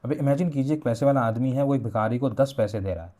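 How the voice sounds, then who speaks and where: A young man runs an exam revision lesson with memory tricks. He speaks at a mid pitch in a mellow, relaxed tone. He goes slowly, repeating key words and drawing out each book title. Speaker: exam coaching teacher.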